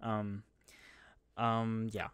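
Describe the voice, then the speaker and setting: A man's voice: on the low side, monotone, extremely slow, a bit bright, clear, resonant tone, no echo. A young man hosting a podcast, chatting in a rambling, self-deprecating way with lots of fillers. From United States. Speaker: podcast host. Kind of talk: casual chat.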